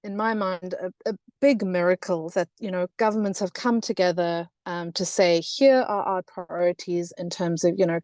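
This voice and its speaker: A South African woman in her thirties speaks as a guest presenter in a webinar, with lots of fillers and restarts. Her voice is lowish and a little mellow. The recording is studio quality with no room sound.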